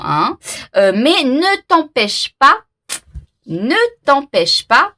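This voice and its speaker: A woman reads oracle cards for her viewers in a loose, chatty way, thinking aloud and restarting her sentences. Her voice sits a little high and moves around a lot. Her talk is full of fillers. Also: sharp tone. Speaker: tarot reader. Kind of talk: casual oracle card reading to camera.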